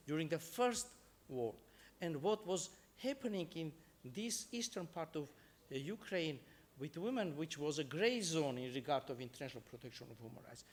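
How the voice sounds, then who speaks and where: A man with an Armenian accent giving an earnest, somewhat halting speech as a judge moderating a conference panel. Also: on the high side. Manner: earnest, halting non-native phrasing.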